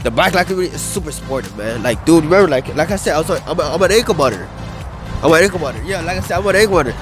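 Slightly high, expressive, and racing along, the young adult man is being interviewed as a wheelie rider on an open grass field outside, a city skyline nearby. His answers are loose, rambling, and slangy, full of "bro" and "dude," captured on a handheld mic the interviewer holds over underlying music.

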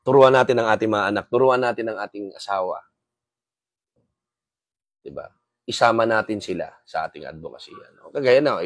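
A man's voice: medium pitch, no room sound. Earnest man preaching to viewers. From Samar, Philippines. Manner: earnest and preachy, repeating tag questions and "brothers" to the audience. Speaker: host of a gun-owner talk show. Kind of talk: live-stream talk to viewers, reading comments.

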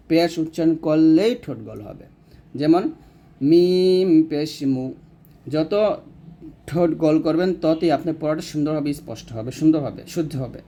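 A man teaching Quran pronunciation step by step, stretching out the practice syllables slowly between his explanations. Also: a little high, warm tone.

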